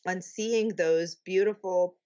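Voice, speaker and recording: Chatty, laughing woman guest, lower voice. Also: fairly even intonation, takes it slowly, warm tone, lo-fi sound. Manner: chatty, laughs often, many fillers and restarts. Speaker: podcast guest. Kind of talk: casual interview chat.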